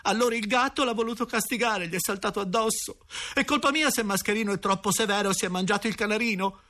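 A man's voice: high-pitched, quick pace, bright, forceful tone, voice pushed up. A man reading an audiobook, voicing a cheeky young boy who protests defiantly in a raised voice. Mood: indignant.

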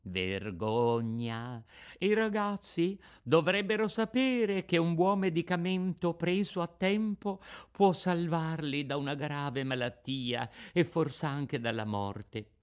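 A man voicing a gentle, patient fairy who coaxes a sick child in a storybook reading, speaking softly. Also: a little high, lively intonation, takes it slowly, smooth, voice pushed up. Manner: soft, patient coaxing.

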